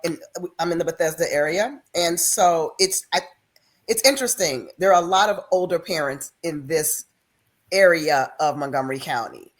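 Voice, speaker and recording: A woman in her fifties, a guest in a casual talk, speaking in a measured, reflective way with bursts of laughter. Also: low voice. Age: 50s. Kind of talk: casual chat.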